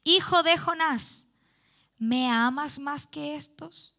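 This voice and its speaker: A woman's voice: high-pitched, slow pace, pushed and bright. A woman preaching a youth sermon in church, reading scripture aloud and explaining it earnestly. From Chile.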